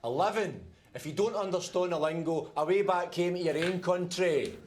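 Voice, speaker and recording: A man's voice: high-pitched, normal speed, lightly acted. An actor playing a sardonic Scottish man trapped in a lift, in a noisy sketch clip. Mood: sarcastic. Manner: sarcastic, mocking. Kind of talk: sketch comedy acting. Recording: noisy clip played on stream.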